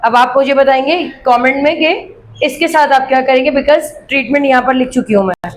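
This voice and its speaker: High-voiced woman teaching English grammar. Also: slight background noise, low-quality recording. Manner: slow, spelled-out example sentences between quick explanations; asks questions and answers them herself. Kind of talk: explaining a grammar worksheet.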